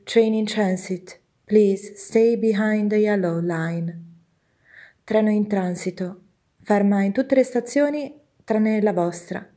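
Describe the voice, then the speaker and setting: Poet as a woman voicing a calm train station announcer, mellow and formal, measured delivery. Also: mid-range voice. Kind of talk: spoken-word poem read as train station announcements.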